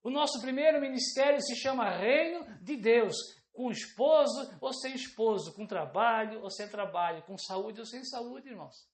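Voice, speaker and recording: A woman's voice: fairly high pitch, expressive, moderate pace, echoey room. A woman preacher delivering an emphatic sermon, often calling out rhetorical questions to the congregation.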